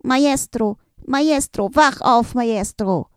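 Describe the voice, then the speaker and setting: A woman's voice: fairly high pitch, takes it slowly, clear, resonant tone, no room sound, clean studio sound, voice pushed up. A woman voicing a small, round quarter-note creature who pleads in despair. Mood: desperate. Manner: desperate, pleading.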